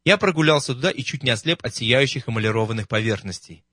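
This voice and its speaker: A man reading a first-person memoir as an audiobook, in a wry, steady storytelling manner. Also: mid-range voice, quick pace, no echo, studio quality. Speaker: narrator.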